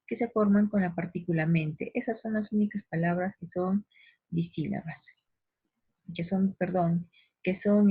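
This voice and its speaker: A woman teaching a grammar lesson, patient and explanatory, slowing down to stress syllables and speaking directly to the listener. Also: lowish voice, no echo. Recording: dry phone-like recording, husky.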